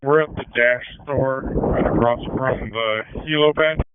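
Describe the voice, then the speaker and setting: A man's voice: medium pitch, unhurried, clear, resonant tone, no room sound. A man, a police officer, calling in terse codes and locations over a police radio transmission. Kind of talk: radio call. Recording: tinny scanner radio channel.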